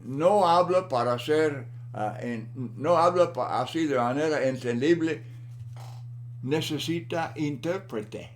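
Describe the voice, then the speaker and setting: Man, Bible lesson sermon, deliberate, repeats for emphasis, fairly high voice. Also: slight background noise. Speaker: Bible teacher.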